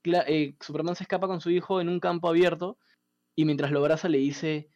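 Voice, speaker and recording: A man, casually retelling a comic story as a podcast host, animated and profane. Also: a little high, brisk, muffled recording.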